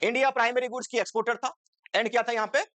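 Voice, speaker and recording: High-voiced woman teaching a lively lecture. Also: fast, no echo. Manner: conversational, asks students rhetorical questions, mixes English terms into Hindi. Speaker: commerce teacher. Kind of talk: exam-focused lecture.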